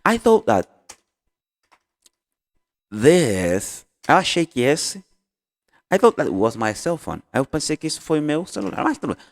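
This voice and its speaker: Male English teacher, lively pitch, casual and repetitive, recorded with long reverb. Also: measured pace, long pauses. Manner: explains in Portuguese, models English phrases, repeats and self-corrects. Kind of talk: casual online lesson.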